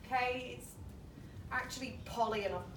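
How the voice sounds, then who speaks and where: A young woman hiding in the disguise of a male sailor, played by a woman, earnest and flustered, in a live stage farce. Her voice is high and lively. The sound is echoey and distant, with noticeable noise behind it. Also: normal speed, close to an everyday voice. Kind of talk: live stage comedy acting.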